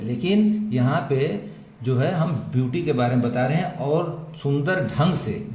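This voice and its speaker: Echoey Indian teacher explaining slowly. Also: male voice, medium pitch, a little mellow. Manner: explains slowly and repeats, mixes Hindi with English words. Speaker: English teacher. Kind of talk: screen-share vocabulary lesson. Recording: echoey room with faint ambient noise.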